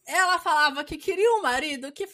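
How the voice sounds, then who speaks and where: A young adult woman, co-hosting a casual chat podcast and talking in an expressive, teasing way. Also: high-pitched, brisk. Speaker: podcast co-host.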